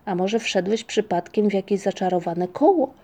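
A bossy, doubting troll boy with a mellow, slightly raised voice, as a woman puts him on for a storybook. He questions everything with suspicion. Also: medium pitch, moderate pace, lightly acted. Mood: suspicious. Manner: suspicious, insistent. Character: skeptical young male troll, suspicious and bossy.

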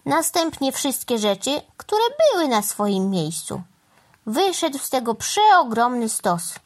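Woman storyteller, slow expressive reading, lively pitch.

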